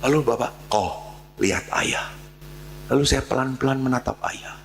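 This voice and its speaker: Gravelly priest telling a story. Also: male voice, medium pitch, normal speed, slight background noise. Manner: animated storyteller, acts out dialogue. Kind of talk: storytelling sermon.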